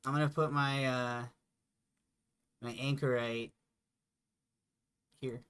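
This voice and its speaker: A man's voice: medium pitch, fairly even intonation, slow, a bit bright, slight background noise. A man playing a tabletop wargame, thinking aloud and correcting himself as he decides moves. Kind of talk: casual game-table chat.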